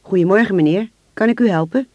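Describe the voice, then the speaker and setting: A man's voice: sits high, quick pace, a little mellow, no room sound, lo-fi sound, voice pushed up. A man voicing a friendly male building security guard who speaks politely and helpfully.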